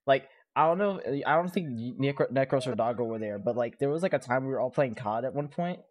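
A man's voice: medium pitch, lively intonation, fast talker. A young man hosting a casual podcast with friends, rambling with lots of filler words and frequent laughs. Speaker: podcast host. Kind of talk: casual chat among friends.

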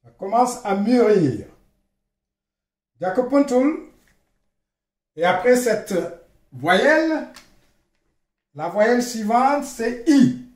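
A man teaching a language lesson, repeating words slowly and spelling them out letter by letter. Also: very high voice, very animated, a little mellow, reverberant. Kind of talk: slow spoken language lesson.

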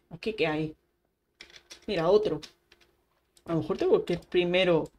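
A young woman giving chatty Minecraft gameplay commentary, talking to herself as she plays. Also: mid-range voice. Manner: chatty, talks to herself while playing, frequent exclamations. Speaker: gaming YouTuber. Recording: faint keyboard typing and clicks behind.

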